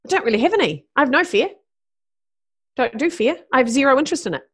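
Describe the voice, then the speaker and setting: A woman's voice: high-pitched, animated, fast talker, slightly rough. A woman in her fifties, talking as a guest in a casual interview, blunt and brash, swearing freely and laughing often. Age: 50s. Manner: driven and brash.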